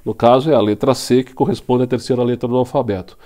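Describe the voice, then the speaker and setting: A man with a Brazilian Portuguese accent delivers a recorded lecture at a mid-range pitch. He works through each point patiently, asks rhetorical questions and answers them himself, and comes back to the same key terms again and again. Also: fairly even intonation, fast, dark tone. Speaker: law lecturer.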